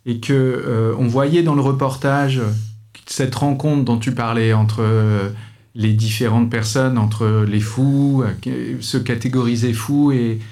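Male moderator, mid pitch, calm and rephrasing. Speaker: interview moderator. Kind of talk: moderating a group interview.

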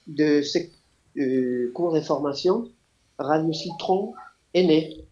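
This Argentine man is a guest on an interview, the founder of a radio project, answering questions haltingly while he searches for words and leans on many fillers. His voice sits fairly high with a dark tone, and the lo-fi recording sounds dull.

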